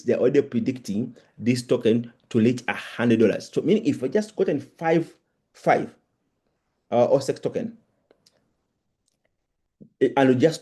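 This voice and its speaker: A man giving a live sales pitch as an emphatic crypto-bro promoter, often stammering and repeating words for emphasis. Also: mellow, slightly rough. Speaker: crypto promoter presenting on a live Zoom call. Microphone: online video call.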